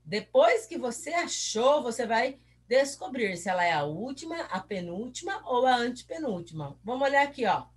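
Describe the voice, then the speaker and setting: A patient teacher encourages her young students during a review lesson and asks them questions. Her voice is fairly high and husky, swooping up and down animatedly, and she pronounces sample words slowly, syllable by syllable.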